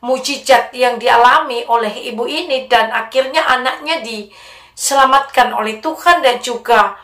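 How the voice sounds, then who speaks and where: Woman channel host, measured religious commentary, higher voice, roomy echo. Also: a bit bright. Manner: measured, addresses viewers as friends. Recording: echoey room.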